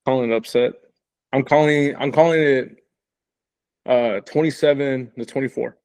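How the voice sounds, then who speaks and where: Halting, laughing man talking football. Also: mid-range voice, steady tone, darkish tone, clear, resonant tone. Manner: halting, repeats words, laughs often. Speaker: sports podcast co-host. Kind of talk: casual sports chat.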